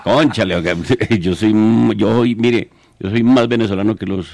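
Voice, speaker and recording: Guy on comedy radio, really low voice, jokey and rambling, sets up bits, lots of laughing banter. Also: fairly even intonation, normal speed, gravelly, crowd noise. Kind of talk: joking radio banter and acted sketches.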